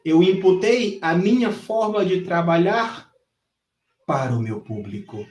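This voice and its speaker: A man's voice: sits high, lively intonation, a little slow, a little mellow, reverberant. A man giving an intense, emphatic live-stream lesson, swearing freely as a former gym trainer turned sales mentor. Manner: intense and emphatic, swears freely, acts out his own past coaching. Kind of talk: live-streamed teaching talk. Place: home during a live stream.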